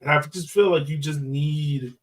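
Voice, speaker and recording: Heard from a distance on a low-quality recording, this man speaks at a measured pace in a voice on the high side. As a soccer podcast host, he gives casual sports analysis, chatting loosely and leaning on fillers like "like" and "you know."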